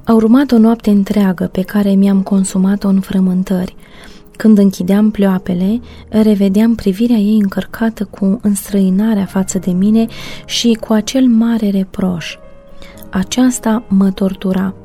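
A woman narrating a first-person story in a measured, reflective way. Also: medium pitch, steady tone, mellow, soft background music.

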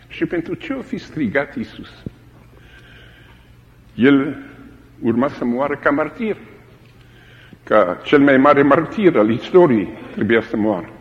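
A man preaching a sermon in a dramatic way, repeating key phrases for emphasis. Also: on the high side. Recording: echoey hall, dull lo-fi old recording.

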